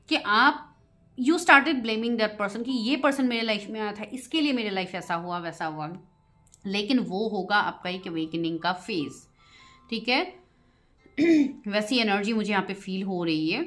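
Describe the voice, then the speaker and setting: A woman's voice: medium pitch, a little slow, pushed and bright, faint music behind. A woman giving a tarot reading to her viewers, chatty, often laughing and mixing English phrases into her talk. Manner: giggly, keeps breaking into laughter. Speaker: tarot reader.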